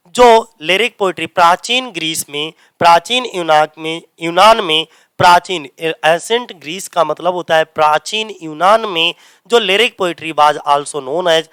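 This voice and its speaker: A man teaching English literature for exams in mixed with English, asking his students questions and answering them himself, and reading English lines slowly before explaining them. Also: on the high side, sharp tone, clean tone, no echo. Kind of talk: exam-prep lecture in Hindi mixed with English. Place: coaching centre classroom.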